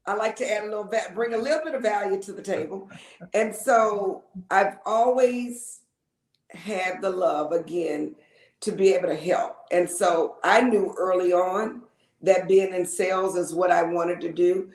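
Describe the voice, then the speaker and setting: A woman, chatting as an interview guest, repeating words and filling pauses with ums. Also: fairly low pitch, roomy sound. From Lake Charles, Louisiana. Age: 50s. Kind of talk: casual interview storytelling.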